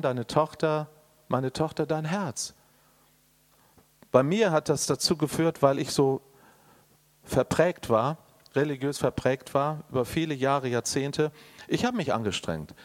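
Animated German-speaking man preaching. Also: on the high side, a little slow. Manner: animated, shifts between loud emphatic bursts and quiet intimate asides; addresses the listener directly and personally. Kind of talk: sermon.

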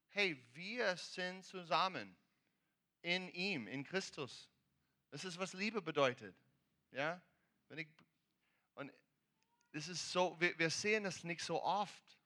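A male pastor preaches slowly and fervently into a microphone at a church service. His voice is fairly high and strikingly bright. He pauses to search for words and slips into English now and then. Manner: enthusiastic, fervent. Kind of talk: sermon with a joke. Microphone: handheld or stand microphone.

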